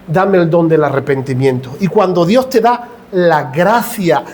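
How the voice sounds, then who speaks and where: Middle-aged Andalusian evangelical pastor, high-pitched man, impassioned sermon that acts out scenes and questions the pews. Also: a little mellow. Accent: Andalusian Spanish. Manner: impassioned preaching, acts out dialogue, asks the congregation questions. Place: church.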